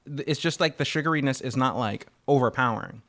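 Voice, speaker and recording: A man's voice: mid-range voice, quick pace. A man hosting a casual podcast chat, talking loosely with lots of fillers while cutting and tasting fruit. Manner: relaxed, rambling, many fillers. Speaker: podcast host.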